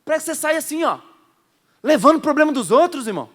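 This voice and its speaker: A man preaching a sermon to a church congregation, swinging between loud emphatic bursts and quiet, close asides. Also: very high voice, expressive, fast. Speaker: pastor. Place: church hall before a congregation.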